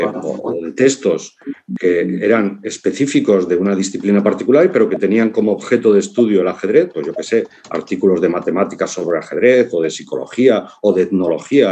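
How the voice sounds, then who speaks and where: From his home living room, a writer and philosopher in his fifties with an accent from Spain speaks at a congress via video call, keeping the talk informal. He is reflective and halting, with a deep, mellow voice, and frequently checks in using short tags.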